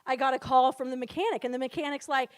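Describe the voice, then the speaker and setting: Very high-voiced young woman telling a funny story. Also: steady tone, quick pace, clear, resonant tone. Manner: chatty, full of "like", laughs often while telling. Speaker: retreat speaker. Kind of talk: humorous personal storytelling.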